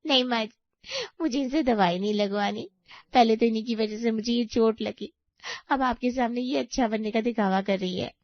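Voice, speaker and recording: A woman's voice: on the high side, normal speed, no room sound, lightly acted. A woman voicing a spiteful, scheming young sister-in-law in a cartoon story, with an accusing, whiny manner. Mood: whining. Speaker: voice actor. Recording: dry, slightly dull audio.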